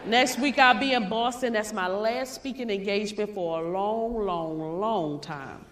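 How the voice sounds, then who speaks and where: A woman from Maryland giving a fervent motivational stage speech, preachy and rising to shouts. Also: mid-range voice, unhurried, a little hiss or hum. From Maryland, USA. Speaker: motivational speaker. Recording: hall reverb.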